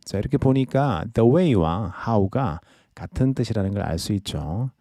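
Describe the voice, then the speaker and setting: A male teacher walks listeners through idioms at an unhurried pace. His voice is mellow and low, with a lively rise and fall. The sound is dry and close. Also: no room sound. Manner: explains idioms slowly, switching to careful English readings. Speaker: English teacher. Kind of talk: podcast English lesson.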